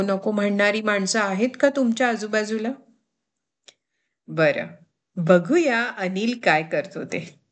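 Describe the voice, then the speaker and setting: A woman reading a children's story aloud in a gentle way, asking the young listeners questions. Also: mid-range voice.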